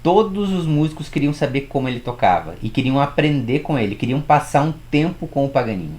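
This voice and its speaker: A man with a medium-pitched, very animated voice talks a little fast as he teaches music history like he's telling a casual story. He speaks straight to the viewer in a chatty way, tossing out rhetorical questions.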